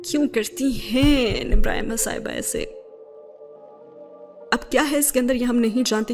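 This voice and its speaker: Woman narrating a novel, measured. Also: a little high. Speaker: novel reader. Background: faint background music.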